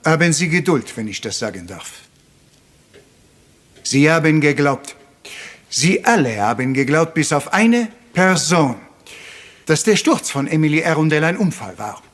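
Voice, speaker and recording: Hercule Poirot, high-voiced, courteous detective. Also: male voice, big pitch swings. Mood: confident, revealing. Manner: courteous, deliberate, peppering speech with French words. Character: polite, theatrical little Belgian detective, patient and self-assured. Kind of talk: retro German crime radio play. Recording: music under the voice.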